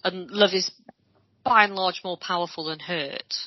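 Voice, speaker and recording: A Welsh woman with a Welsh accent co-hosts a podcast, earnestly making her points at length in casual chat. Her lowish voice is steady and a little slow, with no room sound, and the recording is dry, dull and lo-fi.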